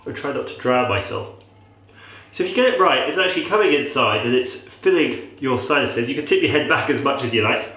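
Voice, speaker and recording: Here a male vlogger with a nasal, mid-range voice chats his way through a casual how-to demo, self-mocking and wandering into rambling asides. He speaks briskly, with lively intonation and a slightly bright tone. The small tiled bathroom echoes, a tap runs, and there's slight background noise.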